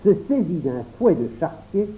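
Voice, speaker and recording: Expressive man reading a storybook. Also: high voice, moderate pace. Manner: expressive first-person telling, voicing every character. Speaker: audiobook reader. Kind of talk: storybook narration. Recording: tinny phone-like recording.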